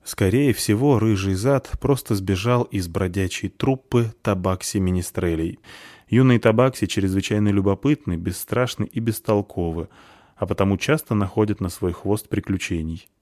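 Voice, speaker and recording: A man's voice: on the low side, normal speed, a little mellow, lightly acted. A man voicing a courteous, wry male theatre owner with polished manners in an audiobook. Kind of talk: audiobook character voice.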